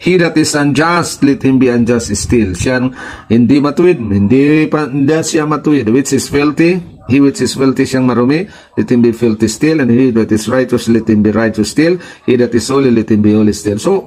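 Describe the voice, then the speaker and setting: A man's voice: mid-range voice, normal speed, darkish tone, poor audio. A man with a Filipino accent, a pastor preaching a sermon. He reads passages aloud in English, then explains them in Tagalog, repeating his points with emphasis.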